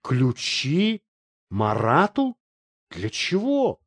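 A man reading the part of a sharp-tongued, haughty woman publisher in an audiobook, scornful and quick to anger. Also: fairly high pitch, wildly swooping pitch, no room sound, studio quality, voice pushed down, full character voice. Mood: incredulous.

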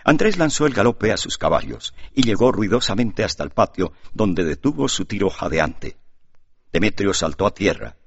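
A man narrating an audiobook in expressive scripted storytelling. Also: fairly low pitch, normal speed, slight background noise. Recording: dull lo-fi audiobook recording.

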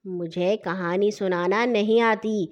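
A woman voicing a young older brother who gently teases and lectures his little sister in a storybook tale. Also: mid-range voice, fairly even intonation, highs cut off, pitched below the performer's own voice, natural voice. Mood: refusing.

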